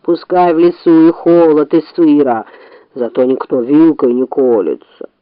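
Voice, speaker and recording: A woman's voice: low-pitched, steady tone, a little slow, dry recording, voice pushed down. A woman voicing a big clumsy male bear who bellows and whimpers, in a storybook reading. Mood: whimpering. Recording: dull lo-fi audiobook sound.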